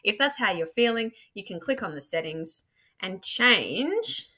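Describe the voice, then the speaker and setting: With a medium-pitched voice that swings widely in pitch, this woman speaks a little slowly in a pushed, bright tone. She's a teacher presenting a software tutorial, chatting through an instructional screen demo step by step from an indoor room at her computer.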